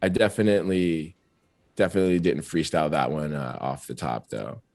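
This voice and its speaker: Deep-voiced man talking freely. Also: fairly quick, vocal fry, darkish tone, no echo. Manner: talkative, reflective, laughs often. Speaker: rapper guest. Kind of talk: casual interview chat.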